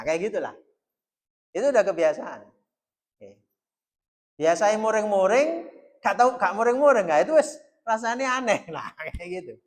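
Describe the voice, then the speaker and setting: A male mosque teacher talks in a loose, chatty way, dropping words into his lesson. His pitch swings widely. The sound carries a long reverb from the mosque hall. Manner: chatty, mixing in Javanese, lively swings in pitch. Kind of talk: religious study talk.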